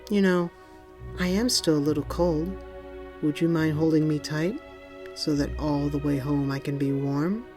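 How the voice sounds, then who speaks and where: A man voicing a flirtatious female spy who speaks softly and coyly. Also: low voice, measured pace, soft background music, voice pushed up. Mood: flirty. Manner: flirty, soft.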